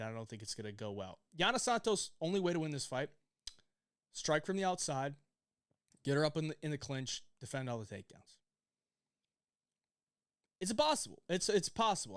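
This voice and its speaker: Smooth-voiced man giving casual fight picks. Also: mid-range voice, no echo, clean studio sound. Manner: loose, opinionated, swears casually, many fillers. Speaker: UFC betting picks host.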